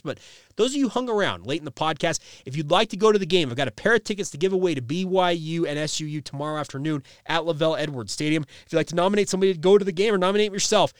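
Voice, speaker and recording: A man's voice: a little high, dry recording, studio quality. A man hosting a sports podcast, talking through his weekend picks in a casual, filler-heavy way, with a nasal voice. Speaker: podcast host. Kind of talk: sports betting picks talk.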